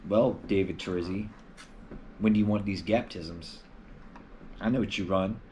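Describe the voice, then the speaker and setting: A man's voice: deep voice, moderate pace, a little mellow, slight background noise. A man hosting a casual live stream from home, answering viewer questions in a loose, rambling way with lots of filler words.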